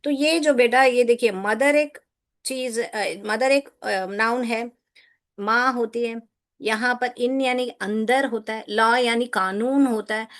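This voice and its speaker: Woman schoolteacher, patient and repetitive, slow deliberate delivery for a kids' grammar lesson. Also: a little high, steady tone, fairly bright tone. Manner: patient, repeats questions to students, calls them beta; mixes Hindi with English phrases. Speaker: teacher. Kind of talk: explaining a grammar lesson to children.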